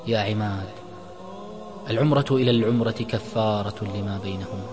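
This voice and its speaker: A man narrator voicing a calm, composed young man who has turned to repentance. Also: on the low side, quick pace, over music, lightly acted. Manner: calm, quiet.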